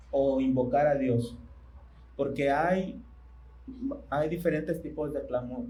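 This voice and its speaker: A man preaching a sermon in church, speaking conversationally and asking his congregation questions that he pauses to let them answer. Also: fairly high pitch, darkish tone, poor audio.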